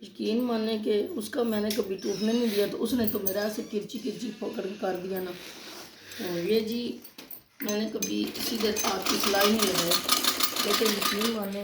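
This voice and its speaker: A woman's voice: mid-range voice, steady tone, echoey room, noisy background. A woman with a Pakistani Urdu accent, telling a personal story in a casual vlog, emotional and hurt. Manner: emotional, tells of a quarrel, acts out both sides. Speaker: vlogger.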